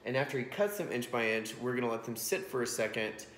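Cooking at home indoors, a thirtysomething vlogger keeps up casual, chatty commentary, explaining each step and poking fun at himself. He talks fast and expressively in a medium, slightly bright voice. Recorded on an iPhone balanced on books, the kitchen sounds roomy and echoing, with a little hiss or hum.

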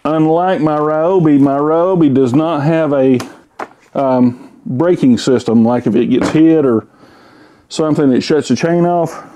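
A man's voice: on the high side, unhurried, mellow, a little hiss or hum. A man, casually reviewing a chainsaw in his home garage, talking in a folksy, rambling way with fillers. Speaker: tool reviewer. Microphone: camera-mounted mic.

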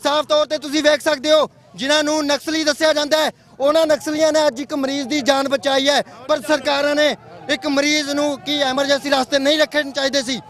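A man's voice: extremely high pitch, flat delivery, brisk, fairly bright tone. A male field reporter giving an urgent live report outdoors at a road barricade and appealing directly to officials. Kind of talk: live on-the-spot news report.

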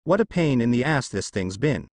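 A man's voice: medium pitch, sing-song, moderate pace, a little mellow, no echo, clean studio sound, close to an everyday voice. A man voicing a gloating, menacing male demon who mocks his captives. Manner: taunting, mocking.

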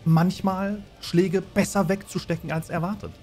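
Faint music sits behind a man with a high-pitched, mellow voice who speaks at a moderate pace with fairly even intonation. He narrates and referees a tabletop game as its game master, explaining things along the way.

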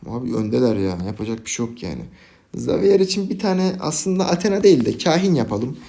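A young man giving casual, jokey live commentary on his own game, swinging from quiet planning to loud, laughing outbursts. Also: medium pitch, fairly quick, gravelly. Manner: excitable, jokey, shouts and laughs at big plays. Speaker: gaming YouTuber.

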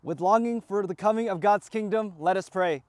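A high-pitched male priest leads a burial service, reciting each prayer in a steady, measured liturgical cadence. His voice is dry and close, with no room around it. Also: dry recording. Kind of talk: graveside funeral rite.

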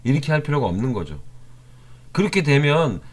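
A man's voice: mid-range voice, fairly quick. A man teaching an English grammar lesson online, reading example sentences aloud and checking back with his learners as he goes. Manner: explains while typing, reads English example sentences aloud; lively, with many rising questions to the learners.

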